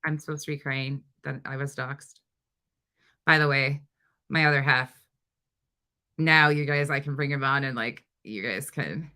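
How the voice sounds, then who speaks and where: In a rumbling low voice, a middle-aged woman from North Dakota speaks at a measured pace and pauses often. She hosts a casual livestream, reading comments with a light North Dakota accent, and her manner is blunt, profane, and animated.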